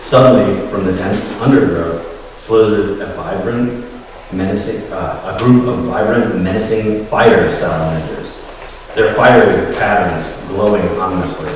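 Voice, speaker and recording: A man's voice: sits low, measured pace, a little hiss or hum. A man giving a storytelling talk to a congregation, hesitant and full of fillers, openly nervous. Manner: hesitant, many fillers, admits nerves. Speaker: guest speaker at a secular congregation. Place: large echoey hall. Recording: echoey hall, voice from far off.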